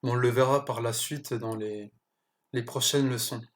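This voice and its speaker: A teacher slowly explaining pronunciation, pausing often and correcting small slips along the way. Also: mid-range voice, steady tone. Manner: slow, careful explanation with pauses and self-corrections. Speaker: language teacher.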